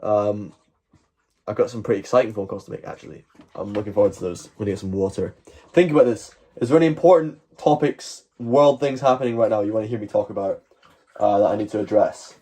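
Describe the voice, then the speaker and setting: A man's voice: fairly low pitch, steady tone, fast, mellow, breathy edge. A Scottish man chatting casually on a livestream, rambling along with jokey mock-boasting. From Scotland. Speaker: live streamer. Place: at home, moving between outdoors and indoors.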